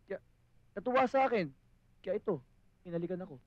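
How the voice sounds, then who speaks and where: A pleading, sweet-talking boyfriend. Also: male voice, high voice, animated, brisk, no room sound. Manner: pleading, coaxing. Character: sweet-talking caught-out boyfriend, young man. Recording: dry, dull film dialogue with music.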